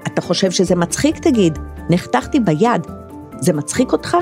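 A woman voicing an upset young girl in a read-aloud story, raising her voice to high, shrill cries. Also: sing-song, a little mellow, soft background music. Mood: angry. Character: upset young girl, hurt and quick to anger.

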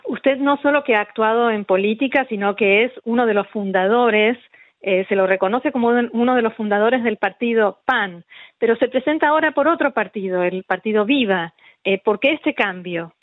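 Female radio host, measured and deliberate, slightly high voice, dry close sound. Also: dry recording, phone-quality sound. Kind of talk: radio interview.

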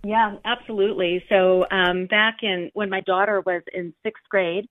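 A woman's voice: mid-range voice, fairly even intonation, measured pace, no room sound. A woman guest on a radio interview, speaking earnestly and steadily with frequent fillers, heard over a tinny phone line.

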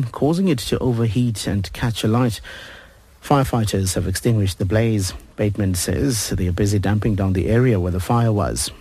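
Husky, low male newsreader. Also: a little mellow, no echo. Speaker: radio news reader. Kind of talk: scripted news bulletin.

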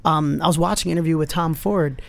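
A man's voice: fairly high pitch, steady tone, creaky. A man hosting a talk show, chatting casually and telling stories with enthusiasm. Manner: fast, enthusiastic storytelling. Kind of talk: casual interview chat.

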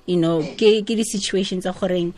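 A woman's voice: on the low side, fairly even intonation, a little fast, a little mellow, low-quality recording. A woman in her thirties with a South African Sotho accent, telling her personal story candidly as an interview guest and switching between languages. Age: 30s. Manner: code-switches between English and a local language.

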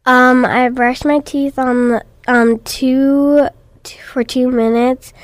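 An eight-year-old girl answering interview questions shyly, with short replies and pauses. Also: sits high, flat delivery, no room sound. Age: child. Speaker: guest. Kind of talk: radio interview.

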